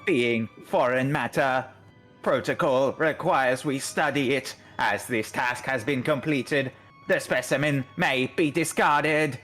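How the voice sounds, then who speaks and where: A man voicing a stiff, formal android researcher in a video game, with a Dalek-like robot voice and slow, flat, measured speech. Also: mid-range voice, faint music behind. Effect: Dalek-like robot voice done by mouth. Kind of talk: voicing a game character while streaming.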